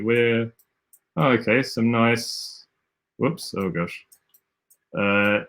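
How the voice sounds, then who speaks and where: Thinking out loud while he plays on stream, this Australian game design streamer wanders through his thoughts and keeps revising what he says. He has a fairly low, fairly bright voice.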